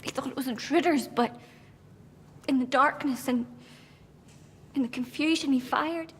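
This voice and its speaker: A woman's voice: sits high, measured pace, in a large hall. An actress playing a self-absorbed young woman artist who talks earnestly and theatrically about her work. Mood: tragic. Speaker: artist exhibiting paintings. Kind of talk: sitcom acting. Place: art gallery.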